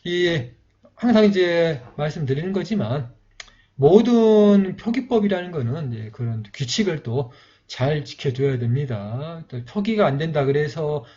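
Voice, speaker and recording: A man teaching how to write an old script, explaining calmly step by step with frequent fillers. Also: a little high, measured pace, highs cut off. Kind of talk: recorded writing lesson.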